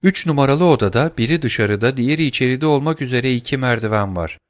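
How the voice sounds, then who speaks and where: A man's voice: mid-range voice, lively intonation, quick pace, dry recording, clean studio sound, lightly acted. A man voicing a matter-of-fact female innkeeper in an audiobook.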